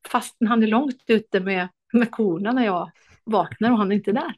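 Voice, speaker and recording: A woman, an author and lecturer, talking enthusiastically as an interview guest, with many hesitations. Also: medium pitch.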